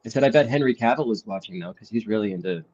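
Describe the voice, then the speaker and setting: A man co-hosting a podcast in casual chat, offbeat and rambling, with a deadpan touch. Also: fairly low pitch, rapid-fire. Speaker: podcast co-host. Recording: dull, lo-fi sound.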